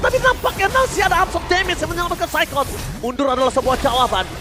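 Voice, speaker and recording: A man calling esports play-by-play like a fighting game announcer, with dramatic, drawn-out hype calls. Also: very high-pitched. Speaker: esports shoutcaster.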